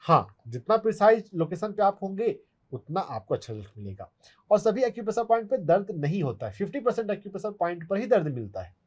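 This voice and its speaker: A man's voice: high-pitched, big pitch swings, fast. A man, an acupuncturist who explains health remedies step by step as he answers viewer questions. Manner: instructive, step-by-step, demonstrates on his hand.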